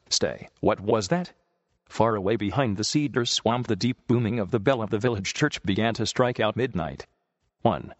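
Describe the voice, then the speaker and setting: A man reading a story aloud in a measured, steady storytelling manner, on a dull lo-fi recording with long reverb. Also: lowish voice. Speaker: narrator.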